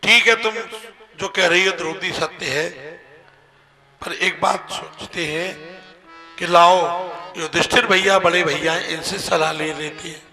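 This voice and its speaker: A man's voice: high voice, steady tone, unhurried, long pauses. A man telling scripture stories in a devotional sermon, weaving in verses. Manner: storytelling, chanting scripture verses. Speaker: religious storyteller. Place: live religious festival gathering. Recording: live sermon with music behind. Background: devotional music.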